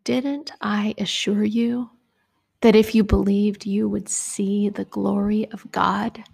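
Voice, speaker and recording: A woman voicing a calm, loving male teacher, speaking softly and deliberately. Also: mid-range voice, vocal fry, slightly rough, heavily acted. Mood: tender. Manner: soft, hushed, deliberate.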